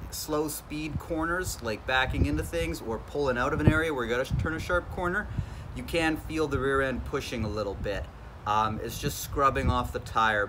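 A man's voice: medium pitch, sharp tone, slight background noise. A man in his thirties hosting a casual garage vlog, talking through car work in a laid-back, enthusiastic way, filmed on a phone at arm's length. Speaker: car channel host. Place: home garage under a car, indoors. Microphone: phone camera at arm's length.

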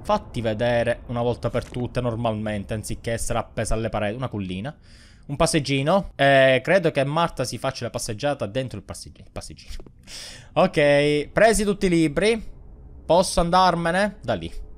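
A man's voice: mid-range voice, moderate pace. A man with an Italian accent giving sarcastic, chatty commentary while playing a horror game, talking back to the ghost. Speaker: gaming YouTuber.

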